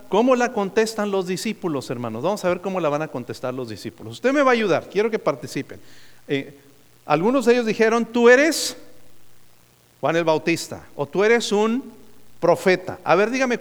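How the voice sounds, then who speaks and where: A man preaches a sermon in a fairly high voice. He keeps drawing the congregation in with questions and light jokes. His words ring out with a long reverb, as in a church sanctuary. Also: sing-song, moderate pace. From United States. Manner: preaching, calling on the congregation for answers, joking asides. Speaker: pastor.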